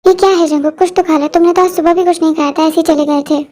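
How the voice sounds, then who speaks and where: A very high-voiced reader playing a bossy young woman who scolds the household. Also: steady tone, fast, darkish tone, no room sound. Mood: scolding.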